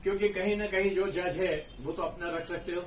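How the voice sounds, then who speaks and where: A man's voice: sits high, fairly even intonation, brisk, a little hiss or hum. A man arguing in a casual political discussion, mixing in English phrases. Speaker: discussion panelist. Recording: echoey room, distant mic.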